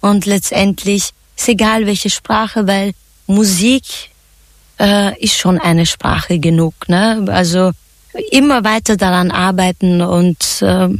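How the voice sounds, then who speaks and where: A woman from Turkey, a singer and songwriter, answering radio interview questions in a relaxed, chatty way with frequent laughs and fillers. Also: medium pitch, slow, no room sound.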